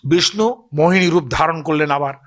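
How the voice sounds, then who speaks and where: A man's voice: a little high, moderate pace, a bit bright. A man with a Bengali accent telling old stories to an audience in a loose, digressive way, often asking listeners to agree. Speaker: speaker on scripture and myth. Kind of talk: storytelling talk to an audience.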